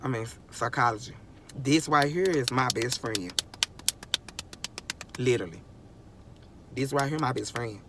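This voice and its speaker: In an unhurried manner with frequent pauses, a twenty-something vlogger with a mid-range voice delivers a meandering, forceful pep talk, chuckling often and restarting his sentences. Background noise is audible.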